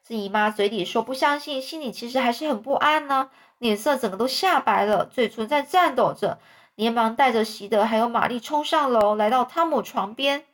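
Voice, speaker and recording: A woman's voice: fairly high pitch, moderate pace. Chatty storyteller woman. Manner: chatty, rephrasing, explaining to listeners. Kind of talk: casual storybook retelling.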